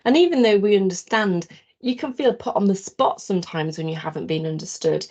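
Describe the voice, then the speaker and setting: A woman's voice: mid-range voice, a little fast, darkish tone. A woman presenting an awareness talk to students over a video call, patient and explanatory, putting questions to her listeners.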